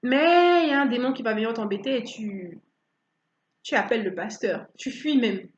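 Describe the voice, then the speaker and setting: A woman preaching a sermon in an animated way, asking rhetorical questions and acting out people's attitudes. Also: a little high, moderate pace. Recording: roomy, slightly dull recording.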